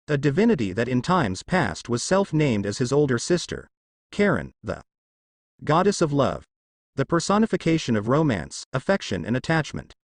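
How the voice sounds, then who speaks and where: A man reads a fan fiction story aloud and speaks every character's lines in his own narrating voice. His pitch rises and falls in a lively way. The sound is dry and close, with no room echo. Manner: reads all parts in one steady narrating voice, tag lines included.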